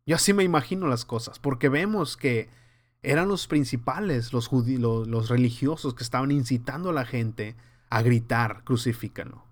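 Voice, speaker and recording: A man's voice: mid-range voice, normal speed. A man teaching a verse-by-verse Bible study, earnest and conversational, warning his listeners in a preaching tone. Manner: acts out scenes in lively voices.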